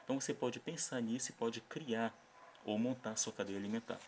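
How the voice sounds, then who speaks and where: A man's voice: medium pitch, a little fast, a little mellow, slight background noise. A Brazilian man teaching a recorded remote class, patiently explaining a worksheet and checking in with short tag questions after nearly every phrase.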